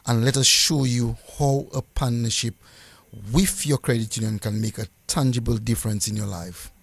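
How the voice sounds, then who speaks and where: A man's voice: medium pitch, fairly even intonation, normal speed, gravelly, dry recording. A man speaking as a company representative, giving formal, earnest closing remarks to listeners with some emphatic repetition. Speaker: credit union representative.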